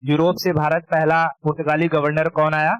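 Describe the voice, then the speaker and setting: A man teaching a casual exam-prep history lecture, his voice sitting a little high. He talks informally, drills names by repeating them and keeps asking if students follow. The sound is close and dry, with almost no room. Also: monotone, normal speed, clear, resonant tone, dry recording, dull audio. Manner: informal, repeats key terms and checks understanding.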